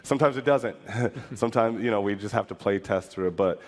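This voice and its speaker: Low-voiced man answering on a panel. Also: brisk. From Michigan. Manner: loose, filler-heavy explaining. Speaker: level designer on a convention panel. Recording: long reverb of a convention hall.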